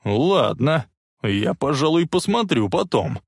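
A man doing young Biff, a loud mocking bully. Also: fairly high pitch, big pitch swings, slow pace, gravelly, slightly rough, no room sound, clean studio sound, voice pushed up, heavily acted.

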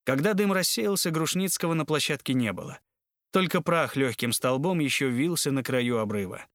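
A man reading a classic novel aloud in a measured, dramatic way. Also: a little high, expressive, a bit bright, dry recording. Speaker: audiobook narrator. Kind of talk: literary audiobook narration.

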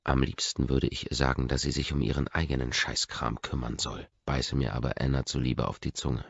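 Brief: male first-person narrator, measured reading, extremely low and gravelly. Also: flat delivery, dry recording. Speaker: audiobook narrator. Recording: dry, dull lo-fi recording.

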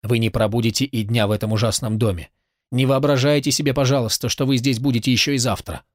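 A man's voice: mid-range voice, steady tone, quick pace, no echo, natural voice. Man doing eager young guy in an audiobook, fervent and pushy, dry sound. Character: young man, grateful and impassioned.

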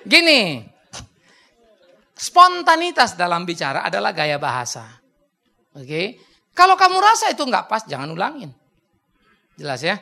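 A man preaching to a congregation, joking and animated, with sudden loud booming bursts. His voice swoops widely in pitch and carries a gravelly rasp, and its tone is bright and forceful. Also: slow pace, pauses often. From Medan, North Sumatra, Indonesia. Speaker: pastor. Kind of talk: lively sermon with questions from the congregation.

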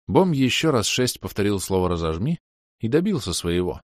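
A man reading a fantasy novel aloud in a wry, lively storytelling manner. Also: fairly low pitch, a little fast, dry recording, studio quality. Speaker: audiobook narrator. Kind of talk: scripted narration.

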